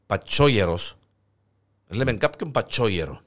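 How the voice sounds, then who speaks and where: A man's voice: lowish voice, animated, fairly bright tone. A man with a Greek Cypriot accent co-hosting a show, bantering casually and teasingly over odd news in colloquial speech. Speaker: co-host of a comic news show.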